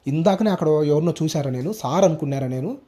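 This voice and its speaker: A man voicing a terrified young male student who insists he saw a ghost, speaking lower and slower than his narration. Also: animated, warm tone, close to an everyday voice. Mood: frightened. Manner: shaken, pleading.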